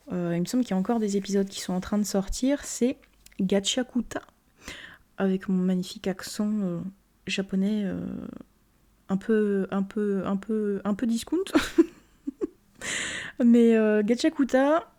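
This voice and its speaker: Young woman, casual review, rambling, lots of fillers, mellow warm tone, mid pitch. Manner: rambling, repeats "très, très" often, many fillers. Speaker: vlogger reviewing anime.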